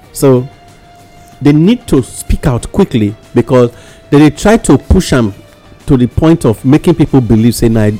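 A man's voice: mid-range voice, mellow. A Nigerian man giving casual, emphatic radio commentary in English mixed with Nigerian Pidgin, often repeating himself as he goes. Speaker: radio talk show panellist.

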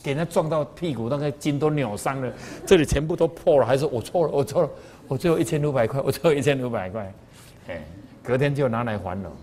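A man delivers a moral lecture to a class. He tells stories in a loose, conversational way and leans on sentence particles. His pitch rises and falls a great deal, so the talk sounds lively. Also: fast, a little hiss or hum. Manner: animated colloquial storytelling with frequent sentence particles.

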